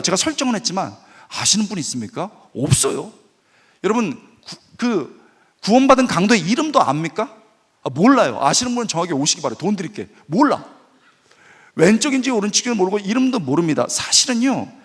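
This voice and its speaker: Animated high-voiced male pastor. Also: breathy edge. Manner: animated, acts out quoted voices, asks the congregation questions. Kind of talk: lively sermon with acted anecdotes. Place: church sanctuary.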